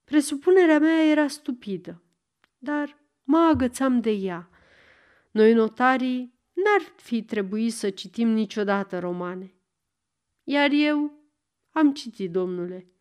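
A woman narrating a short story as an audiobook, reading in measured phrases with long pauses. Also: on the high side, darkish tone.

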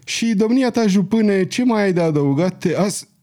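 A man's voice: high-pitched, lively intonation, warm tone, voice pushed up. A man reading aloud, voicing a bored king who speaks in an apathetic, drawling tone. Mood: languid, apathetic. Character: weary, bored male king, languid.

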